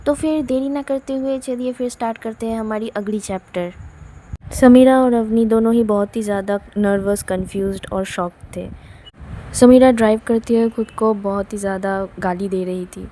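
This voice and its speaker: A woman's voice: a little high, moderate pace, dark tone. A woman storyteller narrating a love story in a chatty way, mixing in English words.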